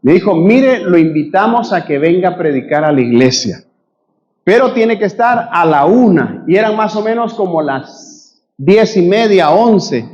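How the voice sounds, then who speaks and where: A male pastor from Guatemala, speaking with a Guatemalan Spanish accent, preaches a sermon in church and tells a personal story, addressing the congregation as brothers like an animated storyteller. His voice is high-pitched and unhurried, and the recording is muffled.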